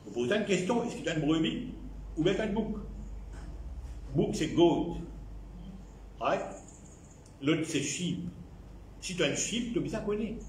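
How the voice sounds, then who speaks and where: A fairly high-voiced man with a Mauritian accent preaches a sermon, his pitch rising and falling widely. He repeats key phrases and slips English words into his talk. The sound carries the echo of a church hall. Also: big pitch swings, normal speed, pauses often, darkish tone, slight background noise. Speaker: pastor.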